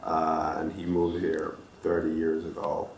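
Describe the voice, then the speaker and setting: A deep-voiced Finnish man in his thirties, a native Swedish speaker, is a guest answering questions in a casual interview while seated in an armchair in a small studio room. He speaks calmly and levelly, a little slowly, in a relaxed, reflective manner, often restarting his sentences. His lapel mic catches a roomy echo and a faint hum of ambience.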